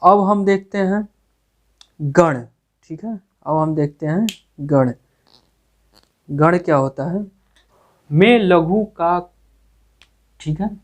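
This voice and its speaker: A man's voice: on the high side, darkish tone. A male teacher giving a grammar lesson, asking questions and answering them himself with many repetitions. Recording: tinny phone-like recording.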